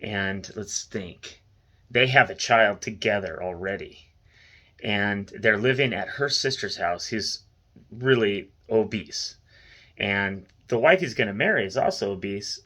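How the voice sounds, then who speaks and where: A man's voice: on the low side, a little slow, fairly bright tone. A middle-aged man chatting casually and earnestly to his viewers, in a rambling, conversational way as a vlog host. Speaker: host of a music reaction vlog.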